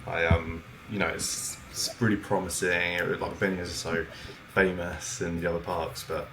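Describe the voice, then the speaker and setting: British man, very low voice, casual podcast chat, faint noise behind. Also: level tone, fairly bright tone. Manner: halting, with many fillers and restarts. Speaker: podcast co-host.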